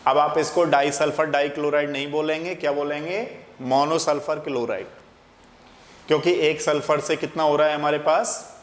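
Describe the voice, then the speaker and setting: A man's voice: fairly high pitch, fairly even intonation, moderate pace. A man teaching a chemistry lesson in a classroom lecture style, explaining step by step and asking and answering his own questions. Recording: echoey room with faint background noise.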